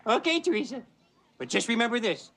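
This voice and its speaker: A man's voice: very high voice, big pitch swings, a little fast, creaky, fairly bright tone, a little hiss or hum, exaggerated voice. An actor playing a pushy, flirtatious male store clerk in a TV comedy sketch. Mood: flirting. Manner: cocky, persistent come-ons with a goofy laugh.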